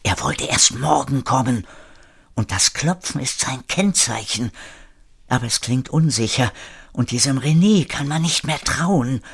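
A man voicing an old grandmother who talks in hushed, urgent whispers in an audiobook story. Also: medium pitch, animated, unhurried, gravelly, breathy edge, heavily acted.

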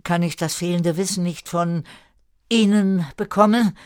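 A man's voice: high voice, steady tone, a little slow, clear, resonant tone, no echo, studio quality, pitched above the performer's own voice. A man doing a stammering, timid young postman. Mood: flustered. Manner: hesitant, stammering. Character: timid, clumsy young male postman, overwhelmed.

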